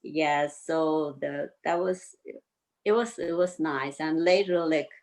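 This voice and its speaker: A mature woman from Azerbaijan speaks with an Azerbaijani accent, answering casually in halting, loosely built non-native English. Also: deep voice, a little mellow. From Baku, Azerbaijan. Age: 50s or older. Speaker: interview guest, yoga community member. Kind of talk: casual conversational interview answers.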